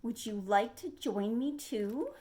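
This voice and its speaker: A woman's voice: fairly high pitch, slow pace, a little mellow. A woman voicing an earnest male fish from a picture book, rallying others in singsong rhyme.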